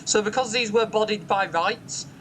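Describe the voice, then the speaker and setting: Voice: mid-range voice, moderate pace, a bit bright, a little hiss or hum, poor audio. A bus simulator channel host giving casual gameplay commentary from home, chatty and explanatory, with frequent "um" fillers. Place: home room with a window onto a street.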